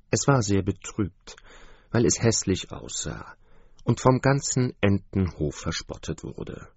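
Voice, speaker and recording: A man reading a fairy tale aloud in an expressive storybook manner, on a dull, dry recording. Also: fairly low pitch, slightly rough, no room sound.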